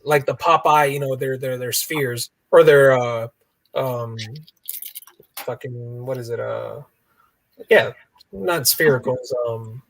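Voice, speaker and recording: A man's voice: medium pitch, takes it slowly, gravelly, fairly bright tone, dry recording. A man chatting casually on a live video call, rambling and searching for words. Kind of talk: casual chat.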